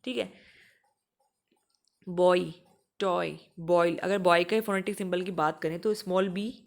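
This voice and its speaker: A young woman teaching exam students, explaining and slowly repeating example words. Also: mid-range voice, steady tone. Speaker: English teacher for exam prep. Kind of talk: explanatory lesson.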